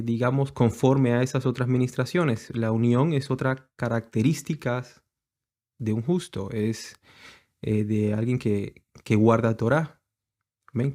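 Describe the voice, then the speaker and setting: A man giving a teaching sermon over slides, explaining slowly with many pauses and restarts. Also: medium pitch, a little mellow. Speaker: congregation teacher.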